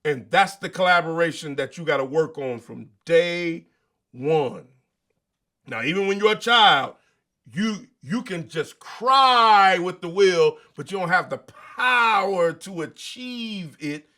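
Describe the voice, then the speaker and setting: A man with a bright, forceful, slightly high voice hosts a motivational monologue. He preaches emphatically in casual slang and keeps throwing rhetorical questions at the listener. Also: animated, takes it slowly. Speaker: show host.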